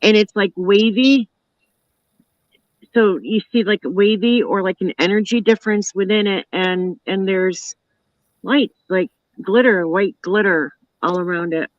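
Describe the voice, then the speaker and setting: A woman's voice: medium pitch, measured pace, dry recording. Chatty woman host, dull dry sound. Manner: chatty, rambling with many "you know" and "like". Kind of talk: casual chat on a live online show.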